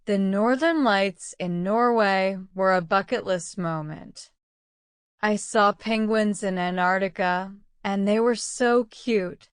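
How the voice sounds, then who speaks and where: A woman reading scripted English-learning example sentences very slowly and deliberately, in a clear, smooth voice. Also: medium pitch, no room sound, clean studio sound. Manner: very slow, deliberate talking. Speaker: English lesson narrator.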